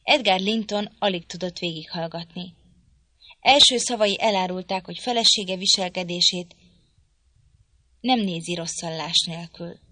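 A woman narrating a literary audiobook in a measured, even storytelling manner. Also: lowish voice, dry recording. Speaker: audiobook reader.

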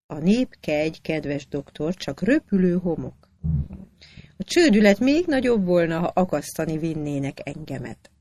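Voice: medium pitch, sing-song, darkish tone. A reader voicing a jesting older male official in a read-aloud anecdote, with a dry, teasing tone. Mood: mocking.

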